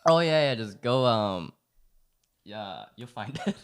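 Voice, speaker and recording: A young man co-hosting a podcast, chatting casually with friends, excitable and laughing a lot. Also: on the low side, slow pace, clean tone. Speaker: podcast co-host. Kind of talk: casual chat among friends.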